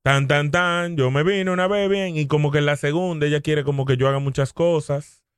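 A man's voice: a little high, steady tone, a little fast, smooth, dry recording, clean studio sound. A man with a Dominican accent chatting casually, telling stories with slang and quoted dialogue as a co-host. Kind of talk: casual group chat.

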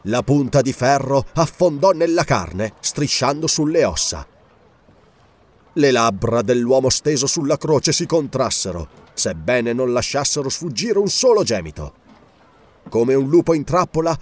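A man narrating a dark adventure story as an audiobook, grave and expressive. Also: a little high, normal speed.

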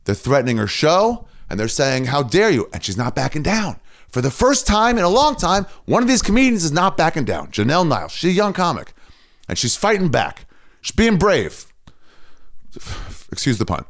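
A man's voice: a little high, huge pitch swings, moderate pace. A man hosting a podcast in a casual, profane comedy rant, fired up and swearing. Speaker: podcast host. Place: standing in front of a mirror.

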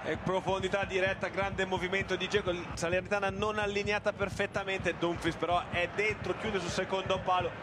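A man's voice: sits high, level tone, fairly quick, few pauses. A man working as a football co-commentator, analysing the play during a match. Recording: clear background noise on broadcast.

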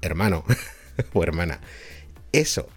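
A man with a Spanish accent from Spain, a science communicator telling a story to his viewers in a lively, laughing way, often adding a checking "¿no?". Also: deep voice, unhurried, breathy edge, soft background music.

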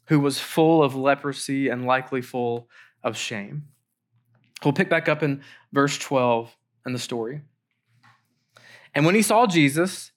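A man preaching a sermon, earnest, slowing and softening for the quoted lines. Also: on the high side. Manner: earnest, slows down for quoted lines and drops to near a whisper. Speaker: pastor.

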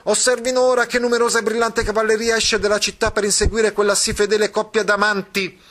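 Guy reading out a showman's boy narrating a puppet show, flowery and declamatory, pitched up a bit. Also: level tone, quick pace, fairly bright tone. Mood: dramatic. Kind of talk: reading a novel aloud.

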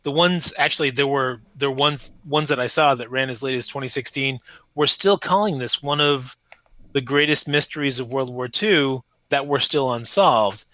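Halting bright-voiced man, dry sound. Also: mid-range voice, no room sound. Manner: meandering, halting, restarts his sentences. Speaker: podcast co-host. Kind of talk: casual chat.

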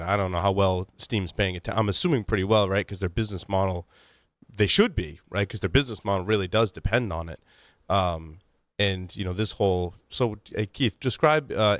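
A man's voice: fairly low pitch, dry recording, studio quality. A man co-hosting a casual tech podcast, talking in a loose, chatty way and correcting himself as he goes. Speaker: podcast co-host.

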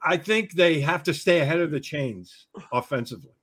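A man breaks down a football matchup in loose, rambling talk, leaning on "you know" between thoughts. His voice sits a little high for a man. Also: normal speed, a bit bright, breathy edge. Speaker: sports podcast analyst. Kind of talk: casual sports talk.

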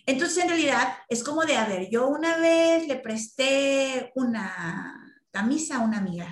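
Woman, workshop leader, high voice, emphatic, roomy sound. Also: expressive, measured pace. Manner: emphatic, acts out quoted speech. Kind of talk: group talk over video call.

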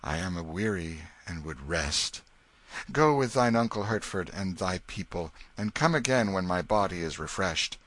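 A man's voice: low voice, animated, moderate pace, fairly bright tone. A man voicing a dying old king who is wrathful and commanding, declaiming in archaic, imperious speech. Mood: tender, weary.

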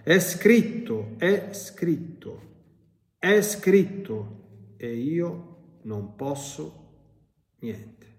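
A man voicing a shrill spiteful demon. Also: expressive, dark tone, roomy sound, in a large hall. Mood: despairing. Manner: shrill, drawn-out and strained. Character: tormented male demon, spiteful and wailing.

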